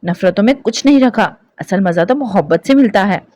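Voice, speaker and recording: Lady reading as a sad young woman leaving home, soft sorrowful voice, lots of lift and fall. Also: mid-range voice, lively intonation, fairly quick, no room sound, close to an everyday voice.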